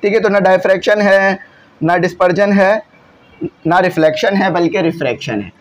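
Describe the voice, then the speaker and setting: Male teacher, high register, patient classroom explainer. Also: moderate pace. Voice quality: glasses wearer. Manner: explains patiently, often checks in with "theek hai". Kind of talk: classroom lesson solving exam questions.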